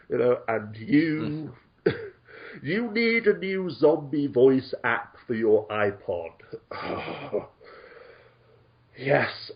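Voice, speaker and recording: A man's voice: mid-range voice, lo-fi sound. A man talking on an online show, sarcastic and indignant, swearing freely as he rants. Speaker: guest commentator. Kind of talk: casual online talk show discussion.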